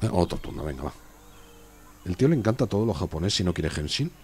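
A young man with a Spain Spanish accent streams a strategy game, chatting casually and joking with his viewers as he reads chat aloud and riffs on it. His voice is low with big pitch swings and a fast pace, and there is a little hiss or hum.

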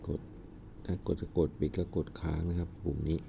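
A man casually reviewing a gadget, talking haltingly as he presses buttons and explains each one. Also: low-pitched, vocal fry. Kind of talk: casual hands-on product demo. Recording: dull lo-fi audio with steady background noise.

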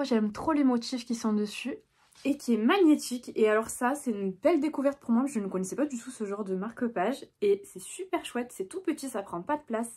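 A young woman with a husky, slightly breathy voice talks through her book haul in a relaxed vlog. She chats in a hesitant way, full of small fillers and restarts. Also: on the high side. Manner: chatty, hesitant with many fillers. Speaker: book vlogger. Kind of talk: casual book haul chat.

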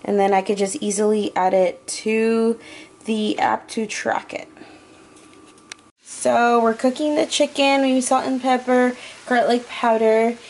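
A woman's voice: on the high side, darkish tone, slight background noise. A woman talking casually through her meal prep in a home kitchen, chatty and a little hesitant, often correcting herself. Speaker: vlogger.

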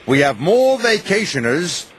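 A man's voice: high-pitched, very animated, measured pace, a bit bright, slight background noise, pitched above the performer's own voice, heavily acted. A man playing a fussy, grumbling railway boss. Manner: grumbling, then thoughtful. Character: stout, fussy railway boss, male, middle-aged. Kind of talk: children's TV cartoon voice.

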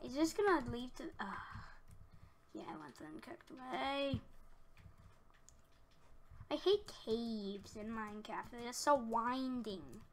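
A woman talks through a game in chatty Let's Play commentary, flustered and prone to outbursts under attack. Her voice is bright and a little high, her pace slow and drawn out. Keys clack behind her over a faint hiss. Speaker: gaming channel host.

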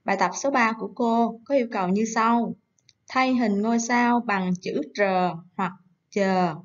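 A woman teacher giving a recorded lesson to young children, coaxing and gentle, slowing down to read words aloud. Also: fairly high pitch, dull audio. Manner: gentle, coaxing, slow syllable-by-syllable dictation. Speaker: primary school teacher.

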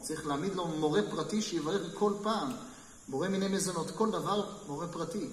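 Rabbi's voice echoing around a hall. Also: male voice, fairly high pitch. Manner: lively storyteller, talks with listeners and asks them questions. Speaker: rabbi giving a weekly Torah class. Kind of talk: storytelling Torah lesson to a live group. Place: hall with a small live audience. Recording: echoey hall, mic far off, faint noise.

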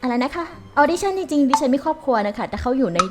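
A woman's voice: high voice, expressive, fast. A woman putting on a polite, chatty granny in her sixties for improvised game role-play, with music behind her. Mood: cheeky, chatty. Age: older, played.

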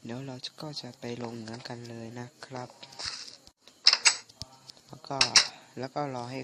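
A man hosts casual gameplay at a slow pace, muttering and pausing as he goes. His mid-pitched voice sounds phlegmy from a recent flu. The recording has clear noise and clicks behind him. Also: flat delivery. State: recovering from flu, phlegmy with coughs. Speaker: gaming channel host.

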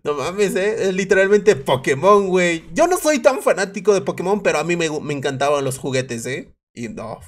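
A man's voice: sits high, very animated, normal speed, hardly any pauses. A young adult man with a Mexican accent giving casual, off-the-cuff reaction commentary into a headset mic. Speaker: reaction video host. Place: small room at home, indoors.

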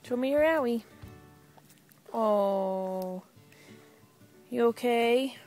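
A woman's voice: a little high, extremely slow, a little mellow, faint music behind. A woman filming her children at home, chatting and teasing them with playful questions. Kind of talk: casual home video chat.

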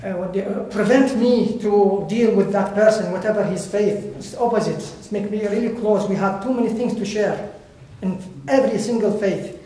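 A high-pitched, mellow-voiced man from Iraq, with an Iraqi Arabic accent, addresses a seated audience from a lectern in a bright indoor hall. As a volunteer guest speaker sharing personal testimony, he speaks halting non-native English, searching for words. The hall is very echoey, with faint background noise.

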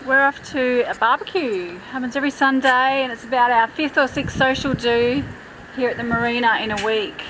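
A woman's voice: fairly high pitch, normal speed, rough recording. A woman in her forties vlogging on her sailboat, talking through a rig check in a chatty, practical way, tired after a long day. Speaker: sailing vlogger. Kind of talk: casual vlog narration. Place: outdoors at a marina, on a sailboat. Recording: loud outdoor background noise.

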